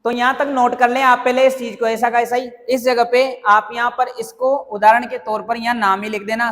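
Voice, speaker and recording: A man's voice: very high-pitched, fairly bright tone, big-room sound. A man teaching a grammar lesson to a class, asking questions and answering them himself. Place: classroom with students.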